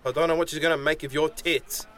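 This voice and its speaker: A man's voice: a little high, steady tone, fast talker, a bit bright. A man with an Australian accent, playing a scheming con man who scolds his sister in a scripted comedy radio play. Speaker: comedy podcast actor.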